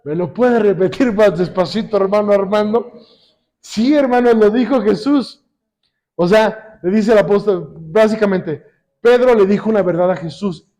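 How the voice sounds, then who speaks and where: A man teaching a Bible lesson to a congregation, often pausing to quiz them with call-and-response questions and slowing down when he quotes scripture. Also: high-pitched, dark tone. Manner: slows down when quoting scripture. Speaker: church teacher. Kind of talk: sermon-style Bible lesson.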